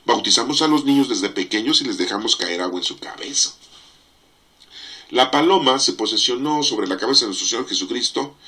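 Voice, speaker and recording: Bright-voiced man preaching. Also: medium pitch, lively intonation, fairly quick. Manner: emphatic, repetitive, addresses listeners directly. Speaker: lay preacher explaining Sunday readings. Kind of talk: sermon-style explanation of scripture.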